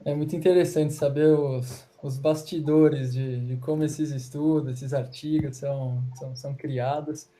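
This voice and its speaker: Flat, dark-voiced Brazilian male host. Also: on the high side, measured pace, hardly any pauses, a little hiss or hum. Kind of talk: live webinar moderation.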